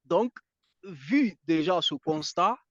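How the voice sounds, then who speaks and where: A man's voice: sits high, animated, takes it slowly, a bit bright, dry recording. Insistent man with a muffled, dry sound. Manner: insistent, repeats words while searching. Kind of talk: casual debate chat.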